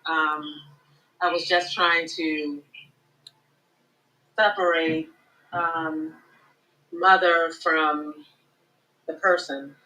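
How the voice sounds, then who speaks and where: On this low-quality recording, a woman with a deep voice that barely moves in pitch calls in as a mother to make a live confession. She sounds pushed and bright, hesitating and stumbling over frequent ums.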